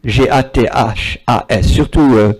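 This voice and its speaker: A man's voice: mid-range voice, a little slow, background noise. A man, giving a spiritual talk and taking questions from an audience, repeating words for emphasis. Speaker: spiritual speaker.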